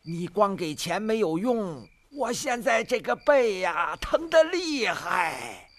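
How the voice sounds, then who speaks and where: A man's voice: high voice, big pitch swings, slow, fairly bright tone, dry recording, exaggerated voice. An actor playing a groaning, demanding old man with an aching back, whining and wheedling in a dubbed film. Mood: demanding, whiny. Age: older. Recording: noisy film audio with clicks.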